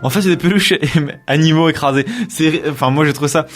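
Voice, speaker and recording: A man's voice: on the high side, brisk, faint music behind. A man co-hosting a casual radio show, rambling through gift ideas with many restarts and fillers.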